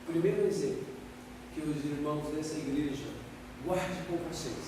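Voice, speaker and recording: A man's voice: a little high, normal speed. A middle-aged man from Brazil preaching a sermon, rousing the congregation into call-and-response chants. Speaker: guest preacher. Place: large church hall. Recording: echoey church from far off. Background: congregation responding, room noise.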